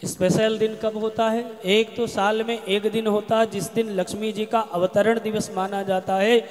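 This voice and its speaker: High-voiced man preaching with hall echo. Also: little pitch movement, normal speed. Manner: chants Sanskrit verses in a sung style, then explains in speech. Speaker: katha preacher. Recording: long hall reverb with faint music.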